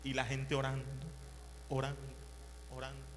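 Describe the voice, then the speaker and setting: A male preacher telling a story in a sermon, animated and repetitive, swinging from hushed to loud. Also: mid-range voice, moderate pace, long reverb tail, slight background noise.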